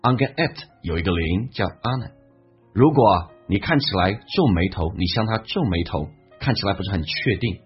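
Husky low-voiced man teaching pronunciation. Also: lively intonation. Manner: explains linking sounds, then slowly repeats English phrases as models. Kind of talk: listening and pronunciation lesson. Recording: dull lo-fi sound with faint background music.

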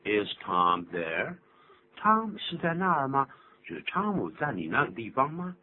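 An older man hosting a radio English lesson, explaining phrases in an animated, teacherly way. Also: a little high, moderate pace. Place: radio studio. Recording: tinny lo-fi radio broadcast with faint hum.

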